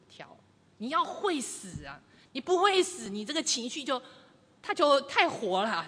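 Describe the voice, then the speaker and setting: A woman giving a lively church teaching, acting out quoted lines with humor. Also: a little high. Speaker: church speaker. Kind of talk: sermon teaching to a congregation. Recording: long reverb of a large hall.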